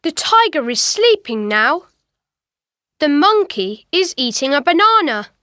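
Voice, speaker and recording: Female reader for children's audio, very high voice, slow, dry studio. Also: no echo. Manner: clear, expressive reading. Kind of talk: children's listening exercise.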